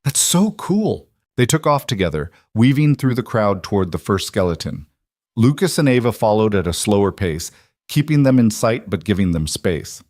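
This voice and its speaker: A man narrating a scripted story in an even, steady reading voice on a close microphone. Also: on the low side, moderate pace, no room sound.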